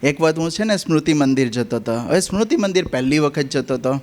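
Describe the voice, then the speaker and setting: High-voiced Gujarati man telling jokes. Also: lively intonation, fast, darkish tone. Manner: storytelling with rising punchlines. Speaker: comic speaker at a spiritual gathering. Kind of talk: humorous anecdotes told to an audience.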